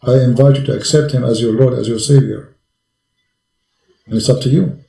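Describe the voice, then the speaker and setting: In a roomy, echoing space, a male preacher pleads with a caller, firing off one question after another in English with non-native grammar. His mid-range voice is gravelly, dark and mellow, with fairly even intonation at a normal speed.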